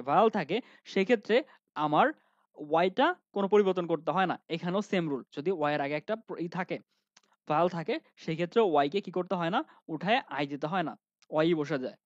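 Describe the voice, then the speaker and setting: A man's voice: sits high, no room sound, muffled recording. A man teaching an online grammar lesson, often asking questions and answering them himself, with many fillers.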